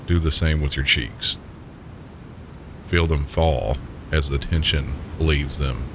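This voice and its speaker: A steady, loud pink-noise rumble underlies the voice of a sleep story narrator, a man with an extremely deep voice and a Southern US accent. He hosts the podcast calmly and gently, slowly guiding the listener toward rest.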